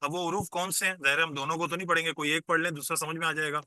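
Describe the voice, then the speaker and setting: A man's voice: fairly high pitch, steady tone, bright, forceful tone, clean tone, dry recording. A man teaching an online class, explaining patiently step by step and quizzing his students as he goes, heard over a video call.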